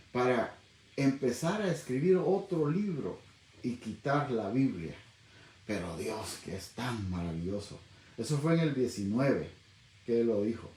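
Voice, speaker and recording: A man's voice: mid-range voice, mellow. Man preaching, roomy, keeps asking "¿verdad?". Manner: conversational, constantly asks "¿verdad?". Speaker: radio preacher. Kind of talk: radio Bible teaching.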